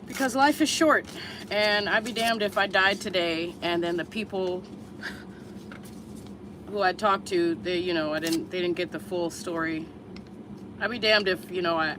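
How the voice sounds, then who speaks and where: She's a Chicago-area woman in her thirties answering viewers live on a casual stream, blunt, candid and free with swear words. Her pitch is fairly low, and the background is noisy.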